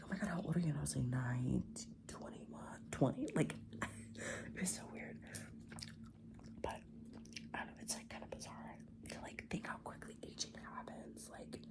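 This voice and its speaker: A man's voice: a little high, moderate pace, creaky. A twenty-year-old man chatting in a whispered ASMR style while doing makeup, rambling casually and swearing often. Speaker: ASMR creator.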